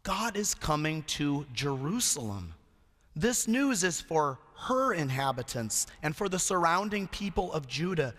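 A male preacher delivers a solemn sermon in a hoarse voice, pitched somewhat high. He speaks very slowly, setting phrases apart for emphasis, and his words carry long reverb from a large hall. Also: sing-song, a bit bright. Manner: solemn, rhetorical, with deliberate emphatic pauses. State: hoarse, voice nearly lost.

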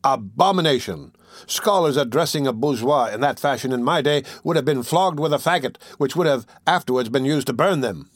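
A man's voice: mid-range voice, lively intonation, brisk, no room sound, studio quality, natural voice. A man voicing a fat, short elderly bookseller who scolds and grumbles. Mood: scolding.

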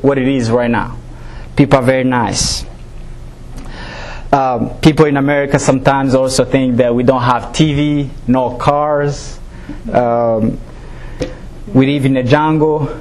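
A man from Rwanda gives a personal testimony as a student speaker. He talks haltingly, with many fillers and restarts, and sounds nervous. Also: medium pitch, a little mellow.

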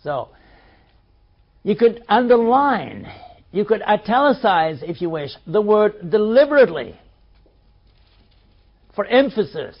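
A man delivers a sermon in a high, very lively voice, pressing hard on each key word. He moves slowly, stopping often between scripture readings. The recording sounds dull and lo-fi. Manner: emphatic, reading scripture aloud with commentary. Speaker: preacher. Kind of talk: sermon, Bible teaching.

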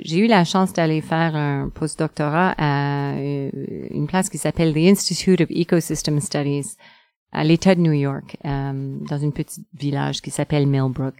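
A middle-aged woman from northern Ontario. She is a researcher answering interview questions, pausing often and using many fillers. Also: sits low, darkish tone, clear, resonant tone, no echo, clean studio sound. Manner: hesitant, many pauses and fillers.

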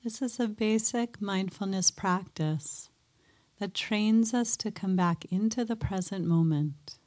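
A woman guiding a mindfulness meditation in a soft, gentle way, pausing often between phrases. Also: medium pitch. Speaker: meditation teacher.

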